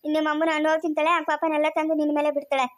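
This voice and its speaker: A woman's voice: high-pitched, monotone, rapid-fire, dry recording, lightly acted. A woman playing an elderly village aunt with a rural Chikkaballapur Kannada accent in a village family skit, sighing and murmuring asides to herself. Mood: soothing. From Karnataka. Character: elderly village aunt, gentle and long-suffering.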